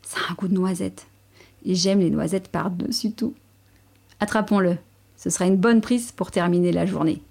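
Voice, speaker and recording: A woman's voice: on the low side, gravelly, darkish tone, slightly rough. A woman voicing a father wolf who is an eager, commanding hunter. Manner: brisk, commanding.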